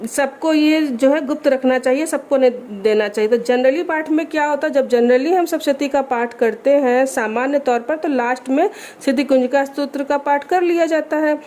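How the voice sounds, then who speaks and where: एक महिला शांत और समझाने वाले अंदाज़ में धार्मिक पाठ के नियम बताती है और बीच-बीच में संस्कृत श्लोक धीरे-धीरे पढ़ती है।. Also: female voice, high-pitched. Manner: calm, explanatory, recites Sanskrit verses slowly. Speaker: religious instructor. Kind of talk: explaining scripture recitation rules.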